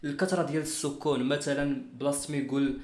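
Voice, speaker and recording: A man's voice: mid-range voice, little pitch movement, a little mellow. A man with a Moroccan Arabic accent, hosting an interview in casual chat and explaining his questions at length. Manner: rapid, talks in long explaining runs. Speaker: interview host. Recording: echoey room.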